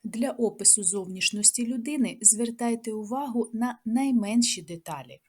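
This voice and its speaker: A woman teacher with a Ukrainian accent, reading a scripted lesson in a measured way and listing words one by one. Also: a little high, animated, husky.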